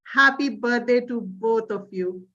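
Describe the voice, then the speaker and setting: A woman moderates an online women's session over a video call. Her voice sits high and she talks slowly, encouraging everyone. The call audio is a little dull. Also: pushed and bright. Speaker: session host. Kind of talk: online group meeting moderation.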